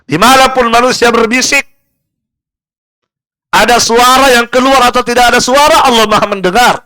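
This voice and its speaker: A male preacher with a fairly high voice leads a live study session in a prayer room, firing rhetorical questions at his listeners and answering them himself. Now and then he slows into a chanted Arabic recitation. The sound is close and dry, with almost no room echo. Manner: lively and rhetorical, keeps asking the room "kenapa?" and answering himself. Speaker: ustadz teaching Quran exegesis. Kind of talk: live sermon-style study class.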